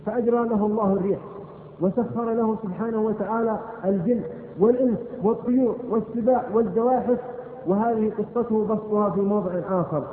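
A man's voice: sits high, fairly even intonation, quick pace. Saudi male preacher, fervent storyteller, thin phone-like recording in a roomy space. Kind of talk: sermon. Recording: echoey hall, tinny phone-like sound.

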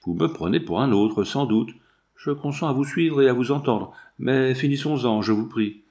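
A man voicing a proud, elegant gentleman who answers curtly and haughtily. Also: mid-range voice, moderate pace, close to an everyday voice. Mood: haughty. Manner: haughty, curt.

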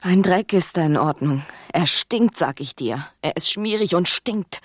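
In a naturalistic radio drama, an actress plays a bitter, passionate, scheming young wife, speaking with urgent intimacy and slipping into whispers. Her voice is on the low side, expressive, and unhurried, sounding scornful and urgent. The recording is studio quality with no echo.

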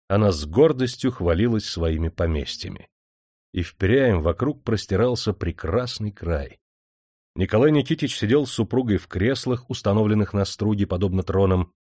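A man narrating an audiobook in a measured, expressive storytelling manner. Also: fairly low pitch, dry recording, studio quality.

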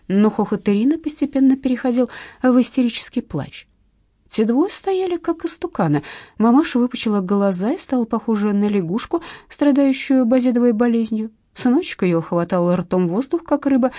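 Woman narrating an audiobook, dark voice. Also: a little high, no echo, studio quality.

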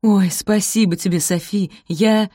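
A woman reading aloud and voicing a timid, gentle young girl who speaks meekly. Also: mid-range voice, fairly even intonation, measured pace, breathy edge, no echo, studio quality, voice pushed up. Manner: meek, hopeful.

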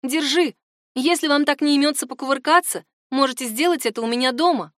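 A woman's voice: sits high, fairly quick, fairly bright tone, dry recording, studio quality, pitched above the performer's own voice. A woman reading an audiobook, voicing a secretive young woman who speaks in a strained, insistent way. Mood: tense. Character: tense secretive young woman hiding an escape plan.

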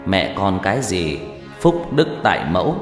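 A man voicing a spirit medium possessed by a stern dead grandfather, talking slow and heavy. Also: low voice, very animated. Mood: grave. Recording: reverberant room with faint music.

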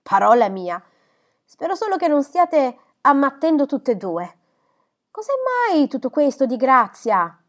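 A woman's voice: sits high, sing-song, a little slow, pitched above the performer's own voice. A woman voicing a fussy, easily shocked middle-aged mother in a storybook reading, prim and scolding.

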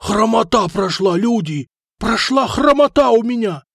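A male narrator plays common men from a port crowd, raving and shouting with joy. The voices are pitched very high and loud, recorded close and dry. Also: expressive, moderate pace, no room sound. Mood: ecstatic.

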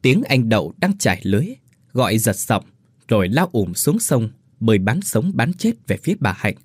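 A man's voice: lowish voice, very animated, normal speed, breathy edge, no echo, clean studio sound. A man narrating a dramatic folk story in an emotive storytelling manner.

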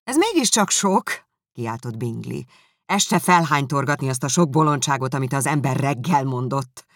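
Woman doing a cheerful easygoing young gentleman. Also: very deep voice, no room sound, studio quality, pitched below the performer's own voice. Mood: genial. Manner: good-humoured, quick, self-mocking.

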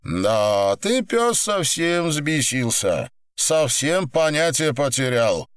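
A man's voice: on the high side, very animated, slow pace, clean tone, no echo, pitched above the performer's own voice. A man voicing a cruel, contemptuous male gang boss who threatens coarsely in an audiobook. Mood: menacing.

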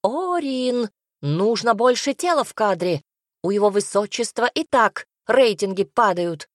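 A woman voicing a bossy, excitable male gnome film director who barks orders at his actors. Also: mid-range voice, a little slow, no echo, studio quality, voice pushed up. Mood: frantic, pushy. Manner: barking commands, pushy.

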